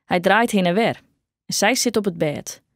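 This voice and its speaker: A woman with a Frisian accent reading a young-adult novel aloud, telling the story in a steady way. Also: mid-range voice, normal speed, no room sound, studio quality. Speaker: audiobook reader. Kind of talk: audiobook narration.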